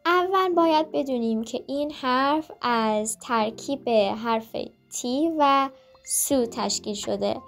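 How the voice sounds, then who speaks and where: A woman teaching a language lesson in a playful, scripted way, slowly drilling sounds with repetitions. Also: sits high. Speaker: Japanese teacher.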